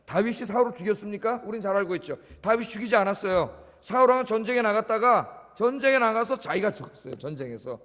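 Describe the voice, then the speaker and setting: A man's voice: high-pitched, expressive, fast, few pauses, a bit bright. A male pastor giving a conversational sermon at a church service, often prompting the congregation with short questions. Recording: echoey church hall.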